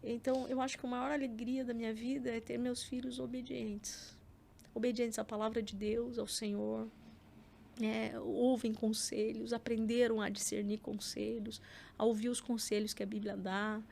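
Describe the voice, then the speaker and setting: A woman's voice: fairly high pitch, level tone, normal speed, vocal fry, warm tone, a little hiss or hum. A middle-aged Brazilian woman with a Brazilian Portuguese accent, a podcast guest telling a personal story in casual interview chat, acting out quoted lines. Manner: storytelling with acted quotes and frequent filler words.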